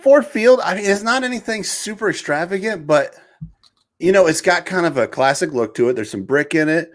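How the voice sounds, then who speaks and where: An excitable man co-hosts a casual sports chat. His voice swings widely in pitch, jumping from loud bursts to low mumbles. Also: a little fast. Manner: excitable, jumps between shouting and mumbling. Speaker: podcast co-host.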